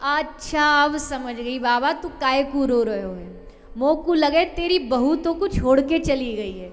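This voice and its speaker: A woman voicing a playful young village girl who coaxes and teases in a high, lively voice. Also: takes it slowly, long reverb tail. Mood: playful teasing. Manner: high, coaxing village speech.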